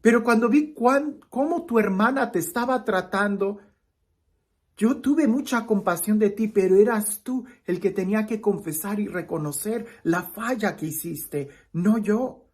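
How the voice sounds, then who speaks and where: A woman's voice: mid-range voice, unhurried, darkish tone, pitched above the performer's own voice, lightly acted. A woman voicing a kind, wise old grandmother who patiently explains a lesson, as part of a told story. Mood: gentle.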